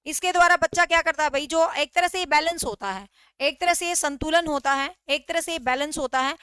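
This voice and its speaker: A woman's voice: sits high, a little fast, fairly bright tone, no room sound. A woman teacher giving an online class lecture, often asking questions and answering them herself, and mixing English words into her teaching. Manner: repetitive quizzing, mixes in English words.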